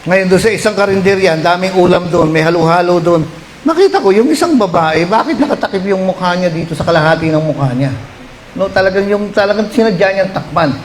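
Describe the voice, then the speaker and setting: A man with a Filipino accent preaching a storytelling sermon in an animated way, sometimes rising to shouts as he voices people's pleas. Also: high-pitched, quick pace, slight background noise, rough recording. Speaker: pastor.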